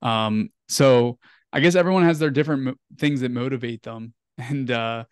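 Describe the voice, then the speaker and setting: A man's voice: medium pitch, normal speed, smooth, no room sound, clean studio sound. A young man telling a story as an interview guest, casual and rambling, full of "like" and "um". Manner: rambling, filler-heavy, "like" and "um" often.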